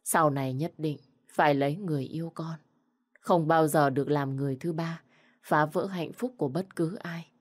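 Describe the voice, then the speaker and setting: Soft and tearful, a woman's deep voice gives life to a gentle young mother full of sorrow in a spoken story, moving at a moderate pace.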